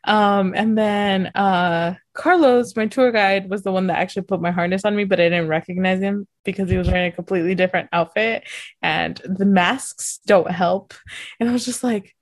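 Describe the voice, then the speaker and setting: An American woman co-hosting a podcast, telling a story in a chatty, animated way, full of "like" fillers and quoted exchanges. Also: mid-range voice, moderate pace, no echo. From United States. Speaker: podcast co-host. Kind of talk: casual storytelling chat.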